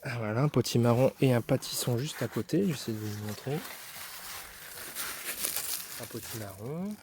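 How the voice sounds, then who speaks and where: A man from France, mid-pitched, talks through a casual tour of his vegetable garden, full of hesitant fillers and self-deprecating asides. He films outdoors on a handheld phone, with a faint hum of outdoor noise behind him. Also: normal speed. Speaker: gardening vlogger. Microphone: handheld phone camera. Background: neighbours' party.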